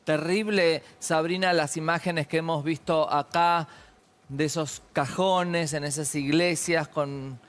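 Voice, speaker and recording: A man hosting a live news interview, asking quick, emphatic questions. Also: on the high side, fairly even intonation, fairly bright tone. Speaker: news host.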